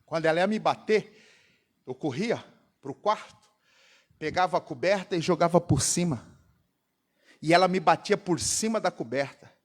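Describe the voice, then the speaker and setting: A Brazilian man preaches to his congregation in a high, animated voice. His pitch swings widely, and he keeps tossing out rhetorical questions for the crowd to finish. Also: moderate pace, long pauses. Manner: rhetorical call-and-response questions. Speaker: pastor. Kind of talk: sermon. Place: church congregation.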